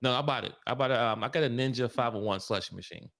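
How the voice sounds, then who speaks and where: A man's voice: mid-range voice, fast talker, creaky, fairly bright tone. A man co-hosting a casual livestream chat, telling laid-back stories and laughing along. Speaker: co-host.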